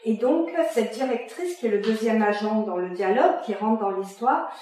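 Woman writer talking through her piece, halting and casual, higher voice, distant and roomy. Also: lively intonation, warm tone. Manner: hesitant, many fillers, restarts. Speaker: writer explaining her dialogue. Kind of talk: casual spoken explanation. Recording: echoey room, voice from far off.

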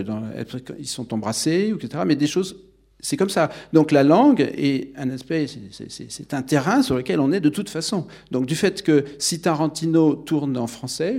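Male panelist, lecturing, husky. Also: medium pitch, darkish tone. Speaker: panel guest. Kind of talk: panel discussion.

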